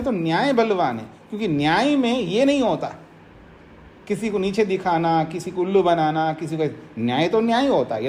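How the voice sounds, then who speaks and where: A male swami from India delivers a scripture discourse in a lively, rising and falling voice. He drives each point home through repetition and everyday examples, with a faint hum of room ambience behind him. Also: high-pitched. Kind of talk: spiritual discourse.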